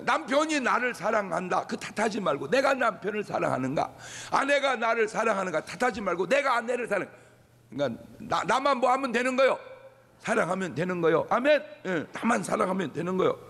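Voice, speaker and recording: A Korean-speaking pastor with a high, bright voice that swoops widely up and down as he preaches. He talks in an animated way and keeps cueing the listeners to repeat after him. His voice rings out through the long reverb of a big church sanctuary. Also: brisk. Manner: animated, leads the congregation in call-and-response. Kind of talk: sermon.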